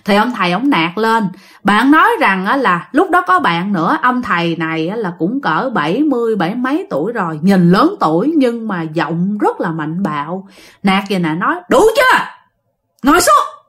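A woman's voice: medium pitch, animated, normal speed, fairly bright tone, slightly rough. A woman with a Southern Vietnamese accent telling a ghost story in a chatty way, addressing her listeners directly. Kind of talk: casual ghost-story narration.

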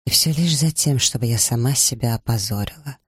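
A man's voice: medium pitch, a little fast, breathy edge, no room sound, clean studio sound. A man reading a wounded, furious young noblewoman in an audiobook, with accusing outbursts. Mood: bitter.

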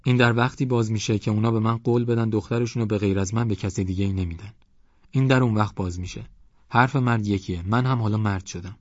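A man's voice: fairly low pitch, steady tone, no room sound, natural voice. A man voicing a stubborn young man who speaks defiantly and insists on his terms, in a dull, dry audiobook recording. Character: stubborn young man barricaded behind a door.

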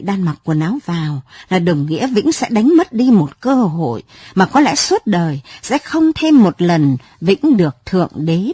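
Soft-voiced woman reading a late-night story. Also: mid-range voice, slightly rough, no room sound. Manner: soft, lyrical, unhurried reading. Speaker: narrator.

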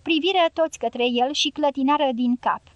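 A woman narrating a novel as an audiobook in a steady, even storytelling manner. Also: high-pitched, dry recording, dull audio.

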